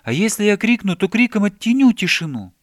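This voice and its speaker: A man's voice: a little high, moderate pace, no echo, studio quality, voice pushed up, natural voice. A man voicing a small, eager male hedgehog who explains things insistently in a storybook reading. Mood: excited. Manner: excited, explaining with urgency.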